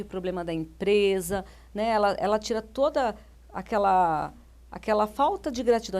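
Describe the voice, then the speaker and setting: A woman's voice: mid-range voice, a little mellow. Brazilian woman coach, chatty and anecdotal. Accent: Brazilian Portuguese. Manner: anecdotal, quotes clients' words, many restarts. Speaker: life coach, interview guest. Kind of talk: interview answers.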